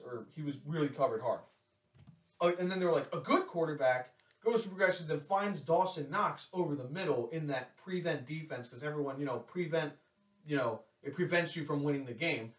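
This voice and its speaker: A young man co-hosting a casual sports podcast, rambling excitedly with restarts and swearing. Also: on the high side, fairly quick. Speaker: podcast co-host. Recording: echoey room, distant from mic.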